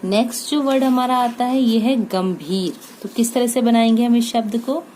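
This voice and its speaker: A woman with an Indian accent teaching shorthand step by step, spelling out each word sound by sound and pausing often to check understanding. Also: a little high, warm tone, a little hiss or hum, low-quality recording. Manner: slow and deliberate, spelling out words sound by sound, frequent "ठीक है" checks. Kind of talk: step-by-step tutorial.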